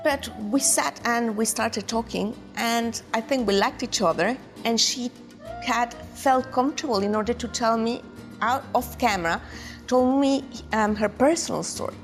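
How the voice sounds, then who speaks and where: A woman's voice: on the high side, moderate pace, faint music behind. A woman from Mexico with a Mexican accent, a documentary director answering interview questions in a reflective, searching way with frequent restarts.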